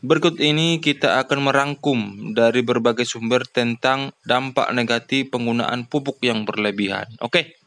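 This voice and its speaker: A man's voice: mid-range voice, moderate pace, a bit bright. A man explaining a farming lesson to farmers, with frequent fillers and rhetorical questions. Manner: addresses farmers as "Bapak Ibu", frequent "ya" and "namanya" fillers. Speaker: farming channel host.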